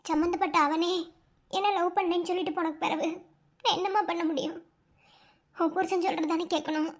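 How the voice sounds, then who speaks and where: A woman voices a weary, resigned young village woman in a cartoon, speaking with a Madurai accent. Her voice sits very high and thin, heavy with bitterness. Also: fairly even intonation, fairly quick. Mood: bitter resigned. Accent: Madurai Tamil. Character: sorrowful young village bride forced into engagement. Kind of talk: cartoon voice acting.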